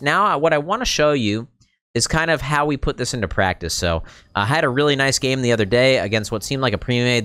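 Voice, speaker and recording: This recording is dry, capturing a man's medium-pitched, fairly bright voice up close through a microphone on a boom arm, with background noise clearly present. In his thirties, he streams games and hosts tutorials, offering casual tips and running commentary.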